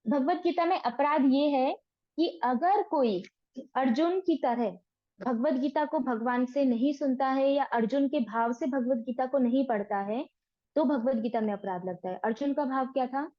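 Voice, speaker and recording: A woman's voice: high-pitched, moderate pace, dry recording, lo-fi sound. A woman teaching a devotional course in with in, explaining earnestly and asking and answering her own questions. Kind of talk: devotional class talk.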